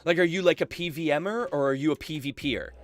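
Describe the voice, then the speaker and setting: A man's voice: a little high, quick pace, soft background music. A Canadian man chatting casually on his live game stream through a headset, full of fillers and laughs.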